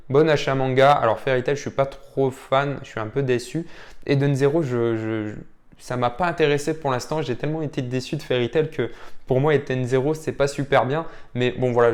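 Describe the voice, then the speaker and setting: A man's voice: mid-range voice, a little mellow. A manga YouTuber, a man, casually commenting on viewers' purchases, rambling with lots of fillers. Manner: rambling, many fillers and "voilà".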